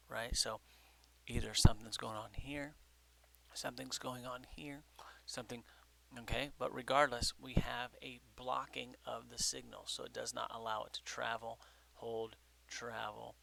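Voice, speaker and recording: A man lecturing to a class in a gravelly voice of middle pitch. He explains in halting stretches, pausing on fillers and often checking in with "okay?" or "right?". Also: pushed and bright. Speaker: teacher.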